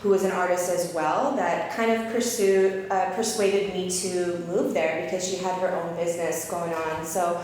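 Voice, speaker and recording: Woman, 30s, interview guest, candid and energetic; slightly low voice, echoey hall sound. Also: moderate pace, hardly any pauses. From Canada (Calgary). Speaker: interview guest, eyebrow artist. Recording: roomy reverberant space with faint noise.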